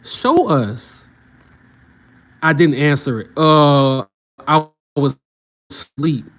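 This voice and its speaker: A young man reacts to a clip in loose slang, mocking and laughing as he acts out other people's reactions. His voice sits high and swings widely in pitch. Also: lively intonation, extremely slow, fairly bright tone. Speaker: commentator reacting to a video. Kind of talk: casual reaction commentary.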